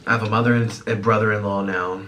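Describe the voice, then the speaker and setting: Speaking in a lowish voice with a steady tone, this fast talker sounds a bit bright. He's a mukbang host in his twenties, born in Ukraine and raised in America, rambling casually while eating on camera at home. Faint room noise is audible through a slightly distant mic.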